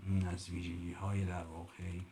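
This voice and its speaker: A man's voice: low-pitched, completely flat delivery, mellow, a little hiss or hum. A man teaching a literature lesson. He reads classical prose aloud, explains it in plain speech, and stops to correct his own pronunciation. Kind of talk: explaining a classical Persian text line by line.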